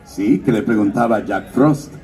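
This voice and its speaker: A voice actor talks to an expo crowd and tells stories, slipping into character voices as he goes. His tone is mellow and a little dark, and he sounds somewhat distant from the microphone. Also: on the low side, moderate pace. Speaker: voice actor and announcer. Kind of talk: stage talk at a fan expo.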